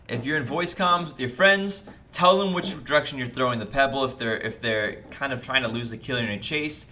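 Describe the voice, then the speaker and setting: Upbeat man with a bright, forceful voice. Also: mid-range voice, slight background noise. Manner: upbeat, chatty, addresses viewers as guys. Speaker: gaming video creator. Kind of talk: casual gameplay commentary to viewers.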